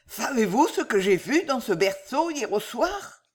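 A woman voicing a fat, sluggish young male servant who speaks slowly and solemnly. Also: on the high side, very animated, husky, voice pushed up, exaggerated voice. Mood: solemn, sly. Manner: slow, drawn-out, loud calls.

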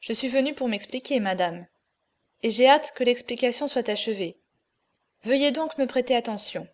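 A woman's voice: on the high side, normal speed, natural voice. A woman reading an audiobook, voicing a proud adult male swordsman who speaks firmly and solemnly. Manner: firm, solemn, cold.

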